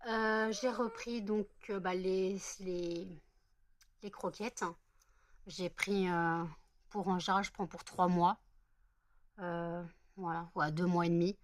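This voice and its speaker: A woman's voice: fairly low pitch, level tone, takes it slowly, pauses often. A woman who has not slept yet, chatting in a rambling home vlog with many fillers. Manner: chatty and rambling, many fillers, coos softly to her dogs. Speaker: vlogger. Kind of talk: casual vlog chat.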